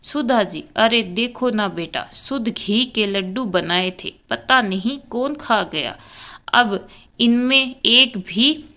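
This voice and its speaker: A woman voicing a bossy, sharp-tongued middle-aged mother-in-law in a storybook reading. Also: a little high, slow, exaggerated voice. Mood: scolding. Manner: scolding, sarcastic.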